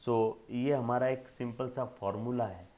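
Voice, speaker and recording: A man's voice: medium pitch, fairly even intonation, a little slow, dark tone. A male accountancy lecturer giving an emphatic classroom lecture, checking in with rhetorical questions and fondly addressing students as children.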